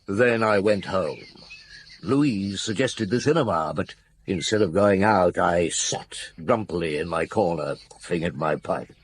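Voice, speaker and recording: An actor playing a probing, reflective middle-aged French chief inspector in a radio drama, speaking in a hesitant, musing way. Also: male voice, low-pitched, measured pace, slightly rough. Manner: hesitant, musing, with murmured hums and questions. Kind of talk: radio drama dialogue and first-person narration.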